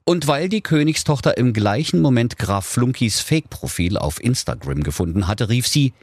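A man reading a comic fairy tale aloud with a slow, deadpan delivery. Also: mid-range voice, no room sound, studio quality. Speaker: storyteller.

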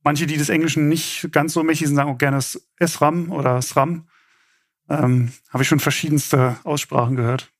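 A man's voice: fairly high pitch, steady tone, moderate pace, dry recording, studio quality. A man speaking as an informal game show host, chatty and explanatory as he runs a quiz. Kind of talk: casual game show hosting.

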